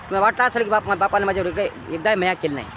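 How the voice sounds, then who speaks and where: A man with a Marathi accent giving an impassioned moral lecture, preachy and repetitive, swinging between loud emphatic bursts and quiet low lines. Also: rapid-fire, background noise. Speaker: motivational speaker.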